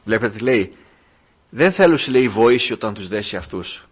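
A man preaching a sermon, earnest and repetitive, moving from soft, quiet asides to raised, urgent exhortation. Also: fairly low pitch, expressive, a little hiss or hum. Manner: repeats refrains, addresses listeners as brothers. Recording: dull lo-fi sound.

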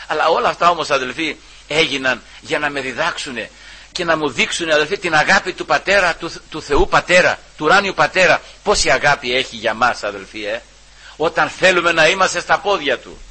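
Husky, sharp-toned male preacher. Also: a little high, poor audio. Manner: keeps addressing listeners as brothers, swings between loud emphasis and hushed asides. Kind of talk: sermon.

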